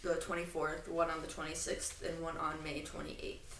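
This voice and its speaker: A podcast co-host with a slightly low, fairly bright voice explains things casually like a fan, drifting into asides. She speaks at a moderate pace with little pitch movement. She's recorded from a distance in an echoey room, with faint noise behind her.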